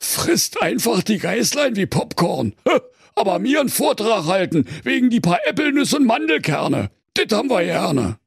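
A man's voice: sits high, very animated, measured pace, creaky, slightly rough, dry recording, clean studio sound, pitched above the performer's own voice, exaggerated voice. A man doing a flustered big bear. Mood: grumbling. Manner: sheepish, flustered, blustering. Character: big bumbling male bear posing as Ruprecht.

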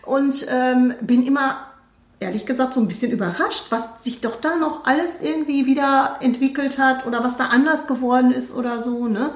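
Casual rambly woman on a podcast, kinda high voice, echoey room. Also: fairly quick. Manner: rambling, many fillers and self-quotes. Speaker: podcast co-host, music learner. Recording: roomy, slightly distant mic.

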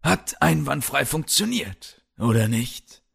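A man voicing a huge, crazed villainous polar bear warlord in a storybook audio drama, gloating and mocking with quiet menace. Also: mid-range voice, very animated, slow pace, gravelly, husky, voice pushed up, full character voice. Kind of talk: audiobook character voice.

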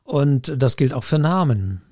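A man co-hosting a chat podcast, explaining slowly and deliberately and speaking to listeners directly. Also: medium pitch, very animated, mellow, no room sound, studio quality. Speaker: podcast co-host. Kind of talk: casual chat.

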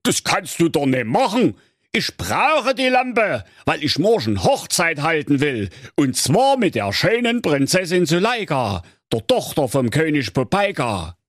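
A man's voice: on the high side, sing-song, a little slow, dry recording, clean studio sound, voice pushed up. A man voicing a grumpy, bossy evil wizard, bellowing and petulant. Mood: whining.

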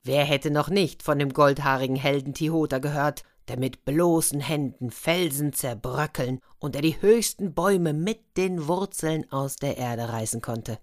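A woman with a very low-pitched voice reads a fairy tale aloud. She speaks in a chatty, friendly manner and slips in asides to her listeners. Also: a little slow, hardly any pauses. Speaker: storyteller.

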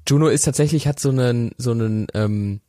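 A man's voice: mid-range voice, brisk, mellow, dry recording, studio quality. A man in his late twenties co-hosting a casual podcast over a remote call, rambling with many fillers and restarts. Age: late 20s. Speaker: podcast co-host. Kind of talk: casual chat. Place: holiday house. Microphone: remote call with a shaky connection.

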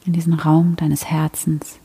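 A woman leading a guided meditation in a gentle, hushed, soothing manner like a sleep story narrator, with long pauses. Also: sits low, completely flat delivery, breathy edge. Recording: long hall-like reverb.

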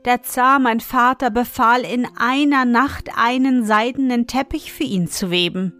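A woman's voice: a little high, measured pace, a bit bright, soft background music. A woman reading a downcast young prince.

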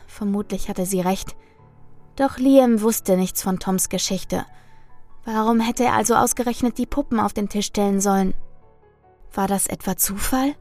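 A woman reading a first-person ghost story aloud in a measured, suspenseful way. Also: medium pitch, darkish tone. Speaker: storyteller reading listener stories.

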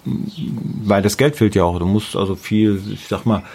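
A man's voice: on the low side, a little slow, darkish tone, breathy edge. A middle-aged man with a German accent, speaking casually and emphatically in an interview about the house he builds, often repeating words for stress. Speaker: artist building his house.

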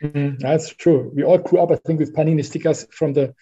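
Husky, mellow man in casual chat. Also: on the high side, steady tone, fairly quick. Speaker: podcast guest and card collector. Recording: slightly dull, lo-fi sound.

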